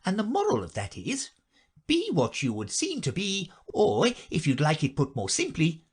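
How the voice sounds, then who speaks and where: A man's voice: fairly high pitch, wildly swooping pitch, normal speed, breathy edge, pitched above the performer's own voice, full character voice. A man voicing a fussy, long-winded duchess who turns everything into a moral. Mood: moralizing.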